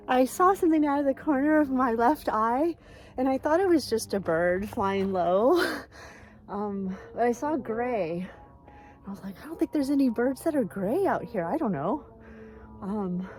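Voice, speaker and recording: A woman's voice: fairly high pitch, darkish tone. A woman in her forties chatting casually and giggly to her camera while hiking outdoors. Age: 40s. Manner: chatty, giggly, self-interrupting. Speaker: vlogger. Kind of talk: casual hiking vlog talk. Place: outdoors on a desert trail.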